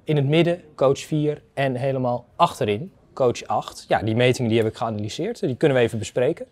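A man in his thirties, a data analyst appearing as an expert guest, walks through a technical explanation step by step in a conversational, didactic manner. His voice is medium in pitch, brisk, with a darkish tone. He's speaking in the indoor garden atrium of a university building.

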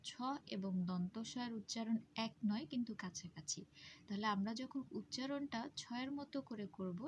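A woman teacher explains pronunciation at a measured pace, breaking words into sounds and repeating them with care. Her pitch sits in an ordinary middle range. A faint hiss runs under the recording. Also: a little mellow. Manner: slow, careful, spelling out sounds and syllables. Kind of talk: Bengali pronunciation lesson.

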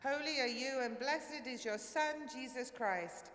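A woman pastor leading a communion prayer in a measured, solemn way, her voice ringing with cathedral echo. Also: high voice, loud music behind the voice. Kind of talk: liturgical prayer. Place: large church sanctuary. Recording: echoey church hall, faint ambience.

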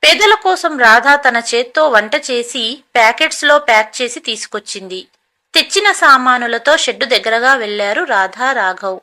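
A woman storyteller giving a scripted narration in an even, storytelling delivery. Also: on the high side, normal speed.

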